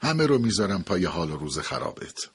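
A man voicing a reserved, gruff aging father-in-law in an audio story, speaking in a terse, weary, measured way. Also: deep voice, very animated, exaggerated voice. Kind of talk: dramatic audiobook dialogue.

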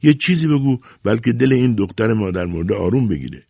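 A man's voice: on the low side, lively intonation, creaky, a little mellow, slightly rough, no room sound, voice pushed up, heavily acted. A man voicing a worried middle-aged village mother who speaks humbly and pleadingly. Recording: dull lo-fi recording.

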